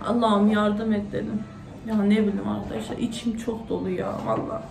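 A woman's voice: medium pitch, level tone, normal speed, creaky. A woman in her thirties, a vlogger, praying aloud and then talking about her feelings, her voice sometimes breaking between tears and laughter. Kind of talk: personal prayer and heartfelt chat. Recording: echoey room with noticeable background noise.

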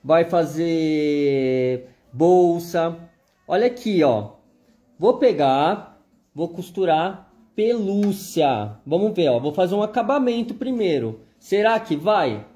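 A man's voice: a little high, animated, slow, mellow. A man with a Brazilian Portuguese accent giving a chatty live sewing machine demonstration, constantly pointing things out to viewers.

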